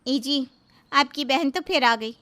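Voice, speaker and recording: A woman's voice: high-pitched, slow pace, fairly bright tone. Woman voicing a put-upon young daughter-in-law. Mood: complaining. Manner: complaining, defensive.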